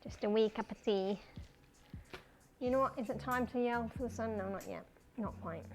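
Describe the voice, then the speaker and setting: A woman's voice: on the high side, moderate pace, darkish tone, faint music behind, rough recording. A woman with a broad New Zealand accent chatting casually and colloquially as she hosts a cooking livestream, in a jokey way. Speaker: livestream host.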